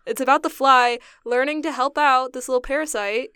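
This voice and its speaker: A young woman with a slightly high voice chats on a podcast, curious and full of questions, laughing easily. The sound is close and dry with no room echo. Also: fairly quick, sharp tone, smooth. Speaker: podcast co-host asking questions. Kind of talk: casual chat.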